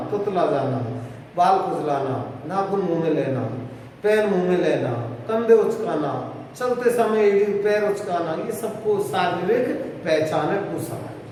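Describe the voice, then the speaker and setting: A man's voice: sits high, a little mellow, a little hiss or hum. A male psychology teacher giving an exam-prep lecture, explaining step by step and checking in with rhetorical questions. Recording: echoey room, distant mic, faint background.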